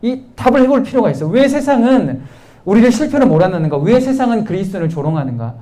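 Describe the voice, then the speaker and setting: A male pastor delivers a sermon to young adults in a high, bright-pitched voice. His speech rises and falls with wide swings as he presses the room with repeated questions and acts out the voices he quotes. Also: big pitch swings, quick pace. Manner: questioning, repetitive rhetorical preaching, quoting voices. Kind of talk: sermon to a youth congregation.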